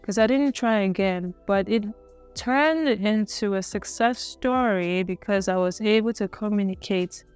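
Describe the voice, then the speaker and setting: A woman's voice: medium pitch, a little slow, smooth, faint music behind. A young woman from Cameroon telling her own college story in a casual, earnest, reflective way, often musing and correcting herself. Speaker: vlogger.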